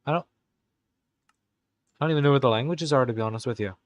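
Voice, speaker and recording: A young man is live-streaming in a fake Irish accent that sometimes slips, chatting casually and muttering to himself as he types game commands. His voice is mid-range and fast, with no echo.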